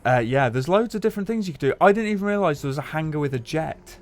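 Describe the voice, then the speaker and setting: A man, co-hosting a casual chat over gameplay footage, relaxed and chatty with casual swearing. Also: fairly high pitch, quick pace. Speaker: games journalist, co-host.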